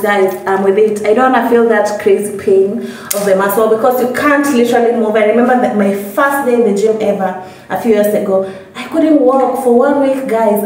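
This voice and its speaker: A young woman from Kenya chatting to camera in a casual vlog, animated and laughing often, filmed on a phone camera set at a distance. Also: mid-range voice, slight background noise. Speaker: vlogger. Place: small indoor room, then outdoors by a pool. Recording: echoey room, voice from off-mic, music behind.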